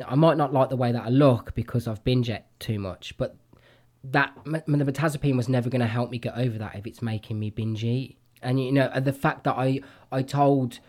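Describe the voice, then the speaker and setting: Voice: mid-range voice, fairly quick, a little mellow. A podcast host in casual chat, earnest and repeating words while thinking aloud.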